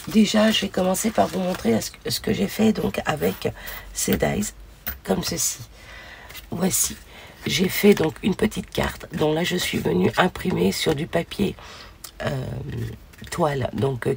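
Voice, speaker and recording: A hoarse woman hosting a casual crafting video, chatting along with many fillers as she shows her pieces. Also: sits low, a little mellow, slight background noise.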